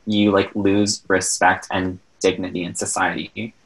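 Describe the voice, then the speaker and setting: Low-voiced sarcastic young man. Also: little pitch movement, a little slow, a bit bright. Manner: sarcastic, joking, many "like" fillers. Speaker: podcast guest. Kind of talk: casual chat.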